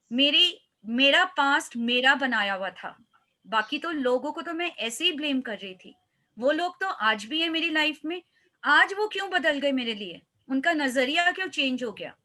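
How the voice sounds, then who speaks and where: A woman's voice: high-pitched, animated, unhurried, bright, forceful tone. A woman, a life coach, speaking earnestly in a motivational interview and mixing in English phrases.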